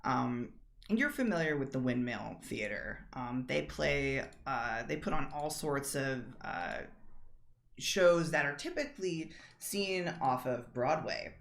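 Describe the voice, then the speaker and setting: A woman's voice: very deep voice, expressive, slow, gravelly. A woman narrating as game master of a tabletop role-play in a casual, filler-heavy way.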